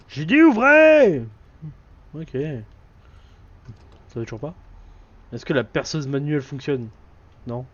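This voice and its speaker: A man giving live commentary on a horror game as a streamer, excitable and jokily scolding the game's characters. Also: a little high. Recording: dull lo-fi stream audio.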